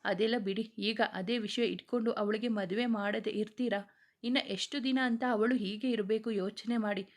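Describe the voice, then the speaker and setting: A woman reading the lines of a gentle, caring young husband in a storybook tale. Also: mid-range voice, steady tone, moderate pace, lightly acted. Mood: firm.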